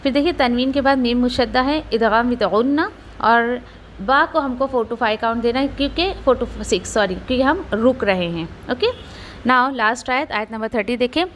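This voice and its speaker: A woman teaches Quran recitation. She explains each rule patiently and says words slowly to model them, then repeats them. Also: a little high, slight background noise. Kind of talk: tajweed lesson with slow recitation.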